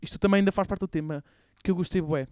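A man's voice: sits high, fairly even intonation, fast talker, darkish tone, smooth, dry recording, clean studio sound. A young man with a European Portuguese accent, co-hosting a podcast in casual, slangy, rambling chat. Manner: slangy, rambling, filler-heavy. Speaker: podcast co-host.

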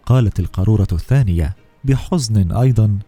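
A man narrating a bedtime story to children in a gentle, soothing way. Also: fairly low pitch, fast, faint music behind.

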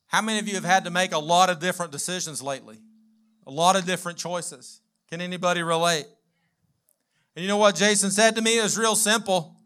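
A man's voice: sits high, fast, sharp tone, clean tone. A man preaching a sermon as pastor, building with emphatic repeated lines and calling on the congregation to respond.

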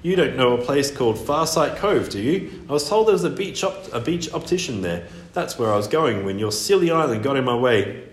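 A man voicing a blunt, short-sighted young mermaid girl in a storybook reading, talking in a brisk, complaining way. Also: medium pitch, animated, a little hiss or hum, voice pushed up, lightly acted. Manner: brisk, complaining, matter-of-fact. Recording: roomy echo.

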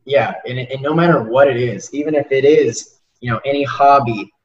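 A man's voice: mid-range voice, moderate pace. A man in his twenties hosting a podcast, talking earnestly in a rambling way with lots of repeated words. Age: 20s. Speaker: podcast host. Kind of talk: casual interview chat. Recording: roomy, distant, dull sound.

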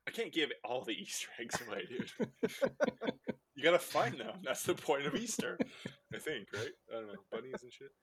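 A man's voice: medium pitch, very animated, normal speed, a bit bright. A man hosting a casual podcast, recapping a movie in a rambling way with lots of fillers and laughs. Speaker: podcast host.

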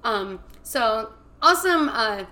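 A woman's voice: on the high side, expressive, takes it slowly, sharp tone, slight background noise. A young woman co-hosting a casual podcast from a kitchen table at home, blunt and sardonic with crude jokes. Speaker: podcast co-host. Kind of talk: casual chat.

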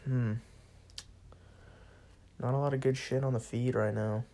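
Gravelly young man ranting alone. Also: medium pitch, steady tone, measured pace, mellow. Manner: profane, bored and sarcastic, laughs often. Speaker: solo podcaster. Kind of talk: casual solo rant.

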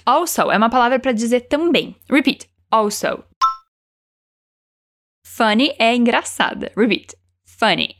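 A woman teaching English, encouraging learners and slowing down to model each phrase for them to repeat. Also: fairly high pitch, lively intonation, fairly bright tone. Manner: encouraging, slows down to model pronunciation. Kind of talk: language lesson with repeat-after-me drills.

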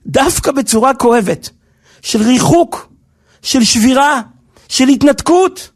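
A man with a strikingly high voice preaches a sermon with fervour. His delivery rises into near-shouts and then drops to a hush. The tone stays earnest and emotional throughout. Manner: impassioned, swings between soft and loud. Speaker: rabbi.

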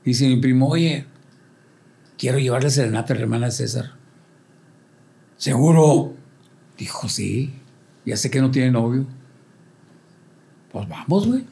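An older man telling lively stories as a band member, acting out quoted voices and sound effects in casual talk. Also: mid-range voice, normal speed, creaky, pauses often. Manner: animated storyteller, acts out quotes and sound effects. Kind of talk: casual storytelling interview.

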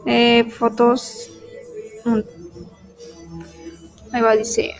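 A young woman talks to herself in a casual vlog, slowly and haltingly sounding out German and English words as she studies. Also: on the high side, monotone, faint music behind. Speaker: vlogger. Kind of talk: casual self-talk while studying languages.

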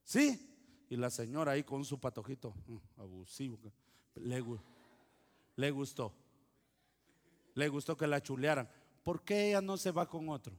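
Pastor man preaching slow, loud bursts then quiet asides, big hall echo. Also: medium pitch. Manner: preaching with sudden loud outbursts and hushed asides. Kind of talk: sermon.

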